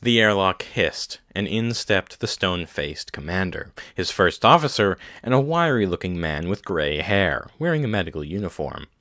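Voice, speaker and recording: A man narrates a science-fiction novel in a very low voice. The sound is dry and close to the mic, and his reading is steady and measured. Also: dry recording. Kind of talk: scripted audiobook narration.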